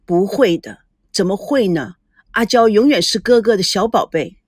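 A woman's voice: medium pitch, sing-song, measured pace, dry recording, studio quality. A woman voicing a composed young man who answers politely and firmly.

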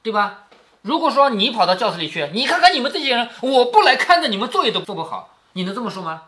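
A father reads a classic novel aloud to his daughter and breaks off to explain it. His voice is bright and carries a clear edge, and it swings widely in pitch. He keeps asking short checking questions and gives the quoted lines a raised, acted lilt. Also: very animated, fast talker. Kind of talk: reading aloud and explaining the text.

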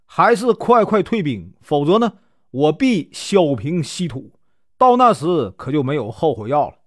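Give me a man voicing a proud, scornful general from an old legend, scolding and haughty, a bit high-pitched. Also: big pitch swings, unhurried, a little mellow.

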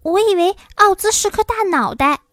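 A woman doing an earnest little girl, high-pitched, wondering questions, storybook voice. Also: lively intonation, normal speed, fairly bright tone, no echo. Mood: surprised. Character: young girl, earnest and surprised.

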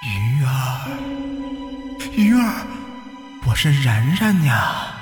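A woman voicing a devoted young man who calls out slowly and pleadingly from far away. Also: rumbling low, very animated, over music, voice pushed down, heavily acted. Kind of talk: audio drama narration. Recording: distant echoey long reverb.

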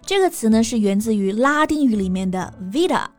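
A woman with a fairly high voice explains English vocabulary in a bilingual lesson. She spells each word out letter by letter and walks through its parts. Soft music runs behind her. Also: lively intonation, a little fast. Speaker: co-host of English lesson podcast. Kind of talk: bilingual scripted teaching chat.

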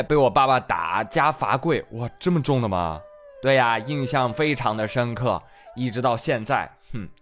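Playful, teasing male host; lively intonation, faint music underneath. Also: mid-range voice. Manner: playful, teasing, laughs often. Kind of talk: casual storytelling, reading listener comments.

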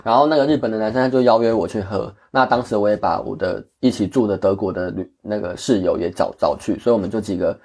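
A man's voice: on the low side, fast talker, few pauses, darkish tone, breathy edge. A man, a guest earnestly telling travel stories in casual chat. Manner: earnest, candid, many restarts.

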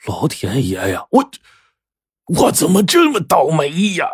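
A brutal young gunman, as a male storyteller acts him out, snarling threats that break into yells. His voice swings from low growls to sharp high shouts. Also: huge pitch swings, normal speed, husky, dry recording, studio quality, heavily acted. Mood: despairing. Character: vicious gun-waving young male robber.

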